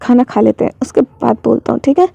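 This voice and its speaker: A woman voicing a protective older brother who talks softly and haltingly while hiding his grief. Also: on the high side, expressive, vocal fry, no echo, highs cut off, exaggerated voice. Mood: gentle. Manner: soft, halting, choked.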